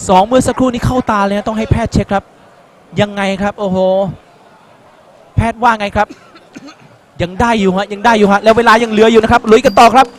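A man's voice: high-pitched, steady tone, fast talker, long pauses. A man commentating live on a Muay Thai broadcast, exclaiming often as he narrates each blow. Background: music.

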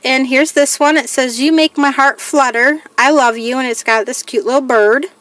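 A woman with a slightly higher-pitched voice talks through a crafting haul in a casual show-and-tell way. She reads each piece aloud in a plain, listing manner, chatty and unhurried. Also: fairly even intonation, fairly bright tone. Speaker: crafting vlogger.

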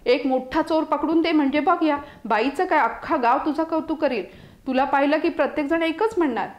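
A woman's voice: high-pitched, moderate pace, roomy sound, dull audio, close to an everyday voice. A woman doing a coaxing, fatherly house master.

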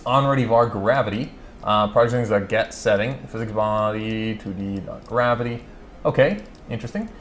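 A man from California hosting a casual live coding stream, chatting and thinking aloud, reading code out slowly with lots of fillers and self-corrections. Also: fairly low pitch, a little hiss or hum. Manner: reads code aloud slowly while typing. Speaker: livestream host answering coding questions.

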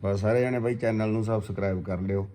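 Low, fast-talking Punjabi man. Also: steady tone, dark tone. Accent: Punjabi, Malwai. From Barnala district, Punjab. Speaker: interviewer promoting his channel. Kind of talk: casual vlog chat.

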